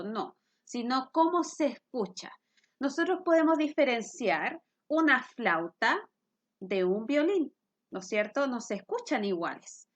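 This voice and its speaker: Patient high-voiced teacher. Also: female voice. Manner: patient, explains with questions to students. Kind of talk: recorded physics lesson.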